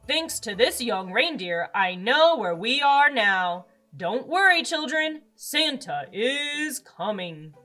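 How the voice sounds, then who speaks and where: A woman's voice: a little high, big pitch swings, slow, few pauses, bright, forceful tone, heavily acted. A woman playing a jolly, kindly old Santa Claus in a children's storybook, hearty and cheerful. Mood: relieved, reassuring. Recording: music under the voice.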